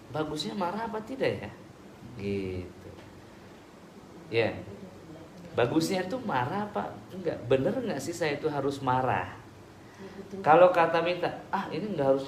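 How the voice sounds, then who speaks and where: A man preaching and answering audience questions in a relaxed, conversational way with everyday examples. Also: on the high side. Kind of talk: casual religious Q&A talk. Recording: echoey room with background noise.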